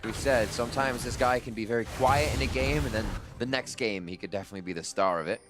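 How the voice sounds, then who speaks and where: A man calling live play-by-play for an esports match in a brisk, energetic way. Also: medium pitch, music in the background. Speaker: esports commentator.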